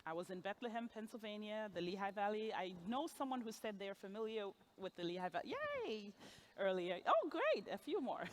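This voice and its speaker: Her mid-range voice is animated and moves at a normal pace. She's a gala speaker in her forties, originally from Zimbabwe, sharing a personal story from the stage of an event hall and laughing along with her own asides.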